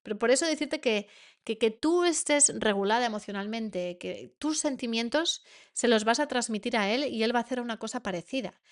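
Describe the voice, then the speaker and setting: A woman's voice: on the high side, lively intonation, brisk. A woman with a Spain Spanish accent, teaching a masterclass to parents as a coach, earnest and repeating words for emphasis.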